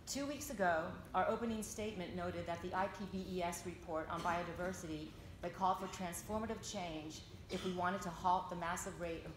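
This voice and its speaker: A woman with a slightly low voice delivers a formal speech in an echoey conference room. There is clear noise in the recording. She reads as a delegate, measured and earnest, with emphasis on her points. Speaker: NGO delegate speaking for an alliance. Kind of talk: formal prepared closing statement, read out. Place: large indoor conference meeting room.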